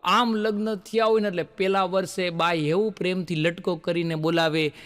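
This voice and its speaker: A man's voice: sits high, steady tone, normal speed, a bit bright. A male stand-up comedian, telling folksy jokes and acting out the lines of his characters.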